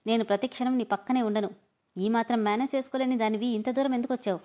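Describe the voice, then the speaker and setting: A woman voicing a gruff, teasing young man who speaks curtly and dismissively. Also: fairly high pitch, fairly even intonation, quick pace, mellow, natural voice. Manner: curt and dismissive.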